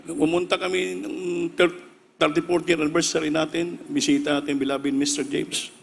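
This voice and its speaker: A male preacher telling a story in a sermon, acting out the voices of the people in it and rising to shouts. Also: a little high, level tone, moderate pace, vocal fry, in a large hall.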